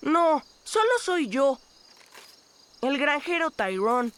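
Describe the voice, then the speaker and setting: A woman's voice: high voice, expressive, slow pace, a bit bright, heavily acted. A woman voicing a sheepish, jumpy, earnest young boy farmer in a children's cartoon dub.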